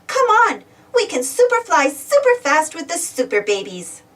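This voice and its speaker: Her pitch swooping wildly, a woman with a high, fairly bright voice reads a storybook to little ones at normal speed. She fills the narration with exclamations and questions for the young listener, sounding a bit distant from the microphone.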